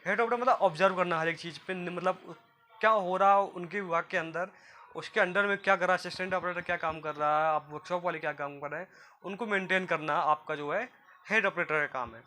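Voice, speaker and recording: This time the job guidance presenter's voice sits high, bright and forceful, moving a little fast, with a little hiss or hum underneath. He keeps his explainer informal and repetitive, frequently calling listeners friends.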